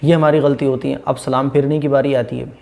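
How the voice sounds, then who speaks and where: A man teaching the correct pronunciation of prayer phrases, asking questions and answering them himself, stretching each phrase out slowly and repeating it. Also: medium pitch, flat delivery, vocal fry, dark tone. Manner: drawls Arabic phrases syllable by syllable. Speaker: religious teacher.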